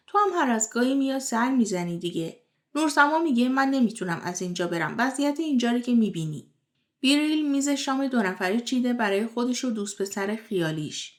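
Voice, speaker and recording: A woman retelling the episodes of a television drama in scripted narration, moving briskly from scene to scene. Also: high voice. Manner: brisk retelling of scenes in plain third person. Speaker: series recap narrator.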